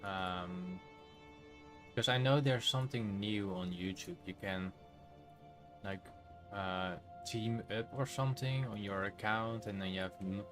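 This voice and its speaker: A man's voice: lowish voice, unhurried, over music. A man from the Netherlands with a Dutch accent, chatting casually and rambling while he streams a game. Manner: relaxed, rambling, self-correcting.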